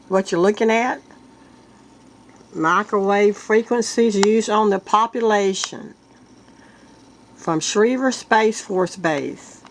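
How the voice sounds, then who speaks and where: A vlogger with a congested, sick-sounding voice and a nose stuffed up from a sinus illness chats casually to her viewers, earnest but halting, speaking in bursts and often starting over. She clears her throat and coughs again and again. Her pitch is medium, and the rough recording carries a little hiss or hum.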